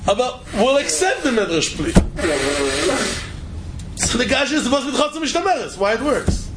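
High-pitched man teaching. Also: normal speed, over loud music. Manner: animated rhetorical questioning, repeats phrases for emphasis. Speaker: Talmud teacher. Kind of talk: informal Talmud lecture, question and answer.

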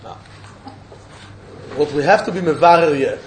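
A man's voice: fairly high pitch, normal speed. A man with a Yiddish accent teaching an informal religious lesson, insistently repeating his phrases as he explains and questions. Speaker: Talmud teacher. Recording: echoey room with faint noise.

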